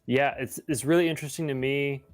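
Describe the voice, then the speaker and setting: A man's voice: mid-range voice, fairly quick, soft background music. A man co-hosting, asking questions in an earnest, thoughtful way with some repeated words. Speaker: co-host. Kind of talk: casual interview questions.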